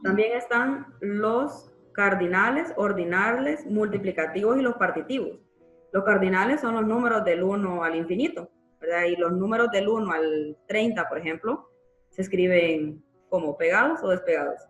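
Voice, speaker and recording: A woman's voice: medium pitch, normal speed, roomy sound, soft background music, low-quality recording. A woman teacher giving a live online grammar class, explaining patiently and checking in with frequent tag questions. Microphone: computer mic in a live online class.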